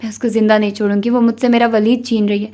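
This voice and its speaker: A woman voicing an obsessive, jealous young woman who pleads and threatens loudly in a novel reading. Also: on the high side, level tone, lightly acted. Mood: raging.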